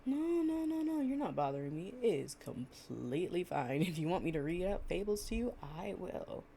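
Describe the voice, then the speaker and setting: A young woman improvises an intimate storytime roleplay as an affectionate, chatty girlfriend reading fables to her partner, talking in a casual, slangy, playful way. Her voice is lowish, gravelly and dark in tone, with a sing-song lilt at a moderate pace. There's slight background noise.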